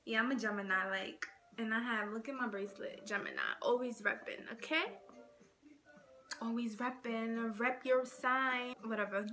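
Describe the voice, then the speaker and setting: Young woman from nigeria rambling on camera, bright kinda high voice, lots of likes and okays. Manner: chatty and rambling, with lots of "like" and "okay". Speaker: vlogger. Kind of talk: casual get-to-know-me chat. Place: indoors in front of a plain gray backdrop.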